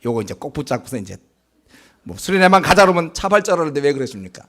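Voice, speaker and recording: A male pastor preaching in a conversational way, asking the congregation rhetorical questions and acting out remarks in a slower, lower voice. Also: big pitch swings, a bit bright. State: sore throat. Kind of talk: sermon. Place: church sanctuary.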